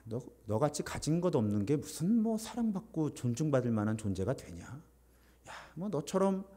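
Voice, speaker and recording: A man's voice: on the high side, mellow. A man voicing a scornful male Satan, taunting in a mocking, sneering way.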